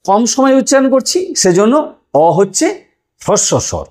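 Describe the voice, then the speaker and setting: A man's voice: sits high, expressive, normal speed, a little mellow. A man teaching a lesson online, explaining step by step, drawing out sounds and asking listeners questions.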